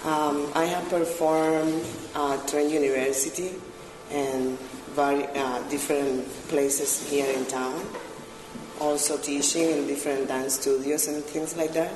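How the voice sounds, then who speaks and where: A woman's voice: sits low, level tone, unhurried. Cuban woman dance teacher, echoey far mic, noisy room. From Cuba. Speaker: dance instructor. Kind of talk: introducing herself at an event.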